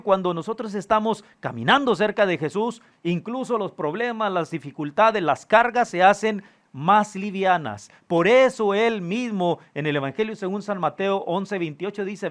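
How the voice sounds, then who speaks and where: A man preaching a sermon, earnest, calling his listeners brother, often halting with fillers and restarts. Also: sits high.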